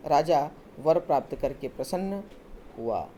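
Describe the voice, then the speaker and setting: Slow, mellow-voiced male teacher. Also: fairly high pitch, lively intonation, slight background noise. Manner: patient, step-by-step explaining, with hesitant pauses. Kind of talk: recorded class lesson explaining textbook exercises.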